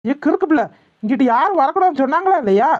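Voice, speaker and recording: A woman voicing a protective village uncle who scolds quickly, in a cartoon, with a southern Tamil village dialect. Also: sits high, animated, darkish tone, dry recording, muffled recording. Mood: scolding.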